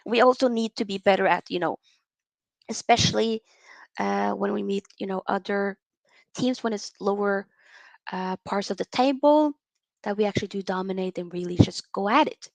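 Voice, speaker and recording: A woman's voice: mid-range voice, moderate pace, vocal fry, no room sound. Chatty woman hosting a football livestream. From Norway. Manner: animated and chatty, reads out viewer comments. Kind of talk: casual live-stream chat with viewers.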